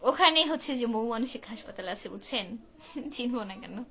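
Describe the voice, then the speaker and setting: Bright-voiced woman streaming live. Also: on the high side, lively intonation, moderate pace, creaky. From Santahar, northern Bangladesh. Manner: reads viewer comments aloud and answers them chattily. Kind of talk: casual live-stream chat.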